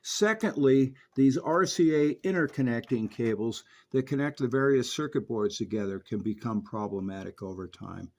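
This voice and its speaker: A man with a mid-range voice narrates a technical review and repair guide at a moderate pace with few pauses. His explanatory voice-over is emphatic, opinionated, and folksy.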